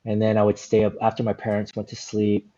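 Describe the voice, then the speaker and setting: A man in his forties, a stand-up comedian, telling stories in a relaxed, rambling way with lots of "you know" and "like". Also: fairly low pitch, fast talker, muffled recording. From Southern California, USA. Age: 40s. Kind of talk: casual interview storytelling.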